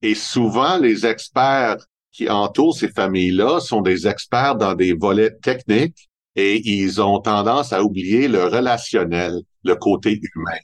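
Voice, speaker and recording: Man, 60s, Montreal French accent, lowish voice, interview guest, explanatory, restarts sentences. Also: unhurried. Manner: explanatory, with self-corrections. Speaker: guest family advisor. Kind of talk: interview answers.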